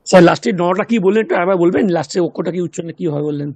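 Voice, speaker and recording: A man's voice: high voice, rapid-fire, darkish tone. A man student in an online class asking the teacher to repeat a point, hesitant and unsure. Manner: hesitant, asks for repetition.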